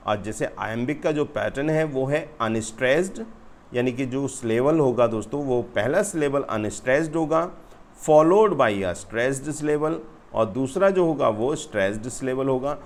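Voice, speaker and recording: A man giving an exam-prep lecture, explaining patiently, addressing his viewers as friends and slowing down to read questions aloud. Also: mid-range voice. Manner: slows sharply to read English questions aloud. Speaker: teacher.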